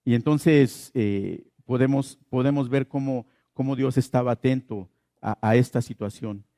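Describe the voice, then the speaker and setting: A man's voice: mid-range voice, unhurried, warm tone, no room sound, clean studio sound. A man preaching a sermon as pastor, asking the congregation questions and repeating his key phrases.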